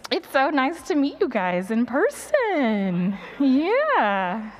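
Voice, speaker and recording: Her voice is high and slow, with huge swings in pitch. She's a workshop presenter on stage at a live conference, trading casual, playful banter with the crowd before her talk starts, amid noticeable background noise and the ambience of a live event.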